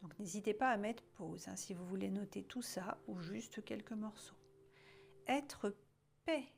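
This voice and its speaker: A woman's voice: mid-range voice, fairly even intonation, creaky, slight background noise. A woman leading a self-help exercise, thinking aloud as she writes and often dropping to a murmur or whisper. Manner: slow, musing, often drops to a murmur or whisper while writing. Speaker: self-help workshop guide. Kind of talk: guided exercise, thinking aloud while writing. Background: classical music playing.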